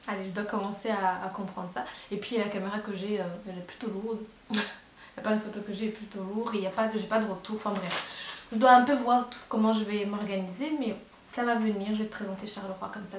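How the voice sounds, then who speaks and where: Reverberant sound and slight background noise surround a medium-pitched woman in her twenties. She vlogs casually to camera with a Belgian French accent, hesitating often, filling pauses and laughing at herself.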